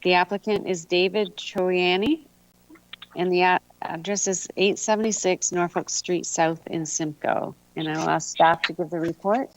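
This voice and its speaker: A woman's voice: lowish voice, fairly even intonation, normal speed. A woman chairing a committee meeting in formal, procedural language. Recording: dull, dry meeting audio.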